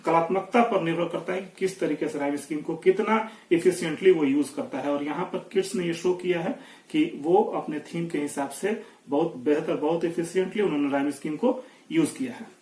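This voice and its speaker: A man with an Indian accent teaching poetry, explaining slowly and carefully in a lesson. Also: a little high, darkish tone, reverberant, recorded from a distance, poor audio. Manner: slow explanatory, reads verse aloud slowly. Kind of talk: Hindi-English poetry lesson.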